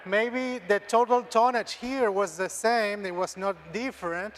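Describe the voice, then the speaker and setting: A middle-aged man with an Argentine accent gives a conference lecture in a fairly high voice. He stumbles and repeats words, and he keeps tagging "okay?" onto his points. A faint hiss sits under the recording. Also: steady tone, a little slow. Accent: Argentine Spanish. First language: Spanish. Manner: frequent restarts and tag "okay?". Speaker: extension dairy scientist, presenter. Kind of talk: conference talk with slides.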